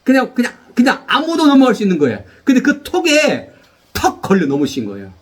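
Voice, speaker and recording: A man preaching a sermon as pastor, animated, repeating phrases and leading the congregation in call-and-response. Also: extremely high pitch, fairly quick.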